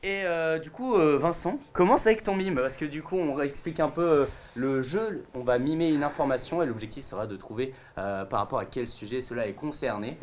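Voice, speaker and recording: Young male host, laid-back, hesitant delivery, slightly high pitch. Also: fairly quick, few pauses, a little hiss or hum. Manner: relaxed, hesitant, many fillers. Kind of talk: casual news chat show.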